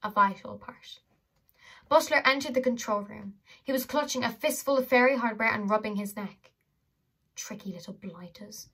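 A woman reading a children's fantasy novel aloud with lively, dramatic narration. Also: on the high side, normal speed. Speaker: audiobook reader. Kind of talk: storybook narration.

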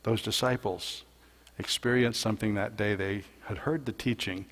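A man preaching a sermon as a pastor, telling a Bible story and building louder and higher in the dramatic parts. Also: fairly even intonation, moderate pace. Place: church sanctuary. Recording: long hall reverb in church.

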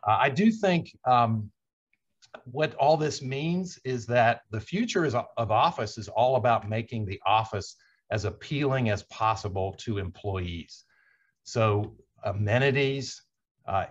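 Guy in his 60s on a video call panel, lowish voice, kinda muffled audio, lots of uhs. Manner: measured, businesslike, frequent "uh" fillers. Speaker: real estate company chief executive, panelist. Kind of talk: panel discussion answer. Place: office meeting room.

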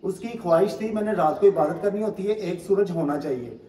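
A man with a high, dark-toned voice speaks fairly quickly as he guides a tour through the echoey stone halls of an old fort, moving in and out of doors. He is recorded from a distance and explains things, asking if the listener follows.

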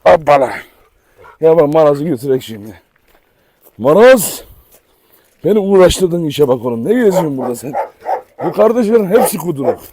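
A man's voice: a little high, big pitch swings, fast talker, warm tone, a little hiss or hum. A man vlogging outdoors by a pool, coaxing, teasing and scolding his dogs while chatting to viewers. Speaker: dog owner vlogger. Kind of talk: casual vlog talk to dogs and viewers.

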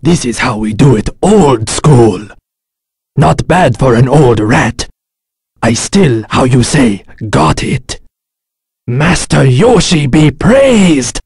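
An actor playing a wise elderly rat ninja master in a video game, stern but playful, with a raspy, gravelly voice and a formal, sage-like manner. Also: male voice, medium pitch, lively intonation, slow, darkish tone, no room sound, clean studio sound, heavily acted. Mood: proud, spirited. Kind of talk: video game battle lines and advice.

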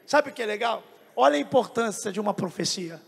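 A man's voice: high-pitched, animated, a little fast, gravelly, slightly rough. A man with a Brazilian Portuguese accent preaching emotionally at a church service, questioning congregants directly and breaking into tongues. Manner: emotive and exclamatory, bursts into speaking in tongues. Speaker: pastor. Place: large church hall with a congregation. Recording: reverberant church hall with music underneath. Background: worship music.

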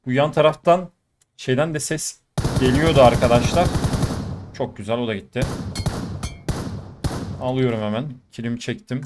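A man giving casual running commentary over mobile shooter gameplay, talking to his viewers with sudden bursts of excitement. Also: medium pitch, normal speed, long pauses, heavy background noise. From Turkey. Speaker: gaming YouTuber.

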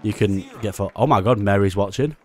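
A young man giving casual gameplay commentary, excitable and swearing often, with frustrated outbursts. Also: lowish voice, a little fast, soft background music. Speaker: gaming YouTuber.

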